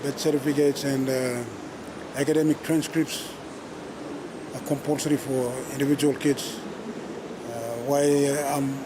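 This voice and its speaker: Flat-voiced man. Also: mid-range voice, noisy background. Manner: halting, with many filler pauses. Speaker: schools rugby league official. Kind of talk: news interview soundbite.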